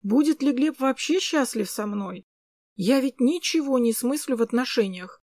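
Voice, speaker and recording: A woman with a fairly high voice reads first-person fiction aloud. She speaks close to the microphone. The recording is dry, with no room sound. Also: lively intonation, normal speed, a little mellow, no room sound. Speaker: audiobook narrator. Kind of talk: first-person audiobook narration.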